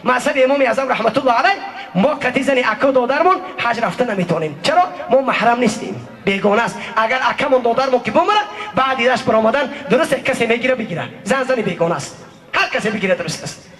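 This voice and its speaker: High, sharp-voiced Tajik man preaching. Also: lively intonation. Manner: impassioned, scolding, rising to shouts. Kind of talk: sermon with a told story. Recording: echoey hall from far off.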